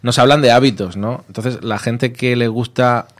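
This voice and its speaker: A man, a radio station manager being interviewed, telling stories in a lively way and acting out dialogue. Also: medium pitch. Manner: lively, animated storyteller, quick to act out dialogue. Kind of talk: casual interview talk.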